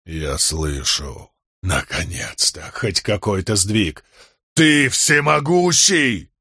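A man voicing a desperate, defiant aging warlord prince who pleads and shouts at the sky. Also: low voice, expressive, slow, breathy edge, no echo, studio quality, full character voice.

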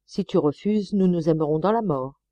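A woman's voice: lowish voice, moderate pace, mellow, dry recording, dull audio, natural voice. A woman reading an imperious male poet. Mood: exalted. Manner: lofty, declamatory.

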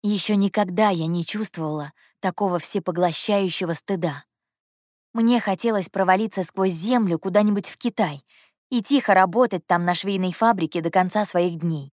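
A young woman narrating an audiobook in the first person, telling the story in a lively, expressive way. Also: lowish voice, normal speed, no room sound, clean studio sound.

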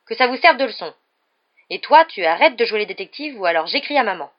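A woman's voice: fairly high pitch, lively intonation, fast talker, pitched above the performer's own voice. A pompous teenage boy prefect from a storybook, scolding in a raised, indignant voice, as a woman reading aloud plays him. The sound is dull and lo-fi.

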